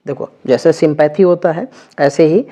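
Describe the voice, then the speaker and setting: A man's voice: a little high, moderate pace, mellow. A man teaching an exam vocabulary lesson, going over word meanings and checking in with his students after each one. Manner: repeats words with frequent check-ins.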